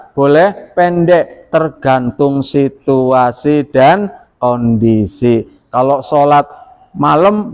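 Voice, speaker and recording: In a school classroom, a middle-aged religious teacher with a fairly high, slightly mellow voice shows pupils how to pray. He explains each step and asks them questions along the way.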